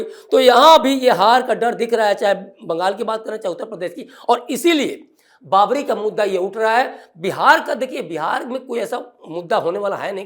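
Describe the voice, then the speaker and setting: A man speaking as a political commentator on a TV news panel, emphatic and firing off rhetorical questions. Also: high voice.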